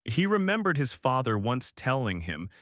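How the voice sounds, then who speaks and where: A man reading a scripted documentary narration in a measured, dramatic storytelling manner. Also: mid-range voice, sing-song, fairly bright tone, no room sound, studio quality.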